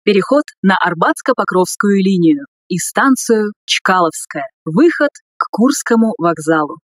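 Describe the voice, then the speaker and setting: A woman reading scripted subway announcements in a formal, measured way. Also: medium pitch, lively intonation, slightly rough, no room sound, clean studio sound.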